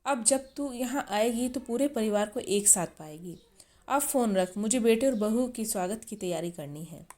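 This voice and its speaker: Lady doing a pushy protective mom in a story, giving advice, high-ish voice. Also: expressive, normal speed, warm tone, close to an everyday voice. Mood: warm. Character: protective, sharp-tongued middle-aged mother.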